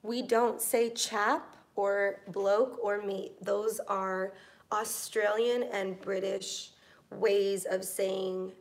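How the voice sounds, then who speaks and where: A woman's voice: medium pitch, little pitch movement, very slow. A young American woman teaching English in a live online class, patient and encouraging, reading out students' comments. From United States.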